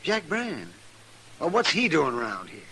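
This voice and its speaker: An American actor playing a fussy, talkative frontier doctor who hems and haws, in an old-time radio western. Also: male voice, fairly high pitch, huge pitch swings, unhurried, sharp tone, heavily acted, poor audio. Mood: inquisitive. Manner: fussy, hemming and hawing. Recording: vintage radio recording with faint noise.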